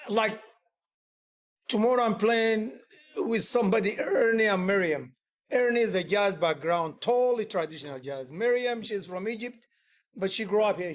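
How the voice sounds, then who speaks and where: A musician who also teaches music talks in a relaxed workshop, earnest and rambling, with loose grammar and frequent restarts. His voice sits high.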